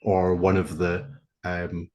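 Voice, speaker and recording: A man on a video call presenting a technical proposal to a committee, speaking in a measured, hesitant way with frequent ums and restarts. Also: low voice, monotone, darkish tone, lo-fi sound. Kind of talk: presenting a proposal over shared slides. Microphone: computer mic on a video call.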